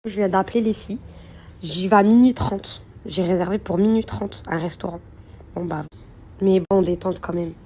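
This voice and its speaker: A woman's voice: medium pitch, normal speed, mellow. A young woman, chatting casually to her followers in a rambling phone vlog from a hotel room. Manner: chatty, rambling, addresses viewers as princesses and girls. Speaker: vlogger.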